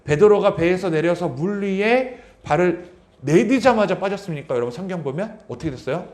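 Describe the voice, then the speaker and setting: A man's voice: high voice, lively intonation, a little fast, darkish tone. A male pastor with a slightly raised voice delivers a Sunday sermon. He reads scripture and speaks earnestly to his congregation, often repeating key phrases. His words ring out through a roomy church with a noticeable echo. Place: church sanctuary.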